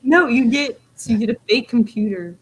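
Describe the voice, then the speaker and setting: A woman co-hosting a podcast in casual chat, excitable and giggly while brainstorming ideas. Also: fairly high pitch, normal speed, slight background noise, poor audio. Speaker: podcast co-host.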